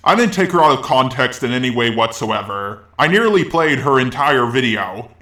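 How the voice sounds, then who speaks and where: A man's voice: medium pitch, lively intonation, moderate pace, sharp tone, roomy sound. A man doing a reaction commentary, answering critics with sarcastic, argumentative retorts. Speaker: commentary YouTuber.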